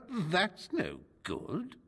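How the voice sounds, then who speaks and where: A man's voice: high voice, sharp tone, breathy edge, long reverb tail, heavily acted. An actor playing a vain, treacherous male rogue in a video game, speaking in a pompous, theatrical drawl.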